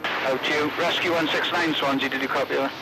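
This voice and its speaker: A man's voice: fairly high pitch, steady tone, a little fast, rough recording. Coastguard radio operator, male, clipped formal radio calls, heard through a marine radio. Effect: marine radio transmission.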